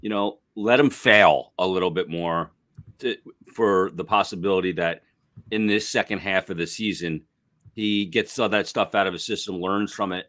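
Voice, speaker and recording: A man working as a hockey analyst, talking casually with a rough voice from illness, rambling with restarts. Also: low voice, fairly bright tone, no echo. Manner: rambling, restarts, self-deprecating. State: sick, rough voice. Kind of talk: casual sports chat.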